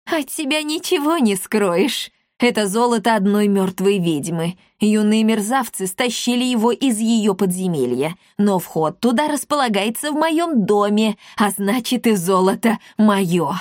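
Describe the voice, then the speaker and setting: A woman voicing a loud, hot-tempered female commandant who shouts and coos by turns. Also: mid-range voice, animated, unhurried, hardly any pauses, no echo, clean studio sound, lightly acted. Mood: angry, outraged. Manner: shouting, then cooing sweetly.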